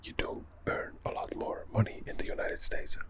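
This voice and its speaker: A young man from Europe, whispering a casual, chatty ASMR talk as the host of his channel. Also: normal speed.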